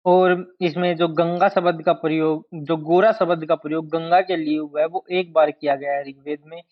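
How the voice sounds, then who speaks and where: Male teacher, fairly high voice, exam-prep lecture, drills key terms, dull lo-fi recording. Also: fairly even intonation. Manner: slow, deliberate, repeats key terms to drill them. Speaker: history teacher. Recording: dull lo-fi sound.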